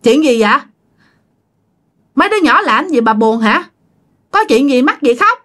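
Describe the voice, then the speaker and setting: A woman's voice: high voice, very animated, moderate pace, fairly bright tone, exaggerated voice. A woman voicing an older village husband who coaxes and pleads with his wife in a told ghost story. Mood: pleading. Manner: coaxing, pleading.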